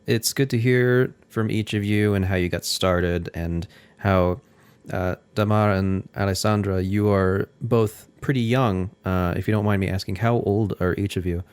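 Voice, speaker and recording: A man with a very deep voice hosts a radio interview, putting measured, friendly questions to his guests. The sound is close and dry, with no room around it. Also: steady tone, a little mellow, clean tone, dry recording. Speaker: radio host.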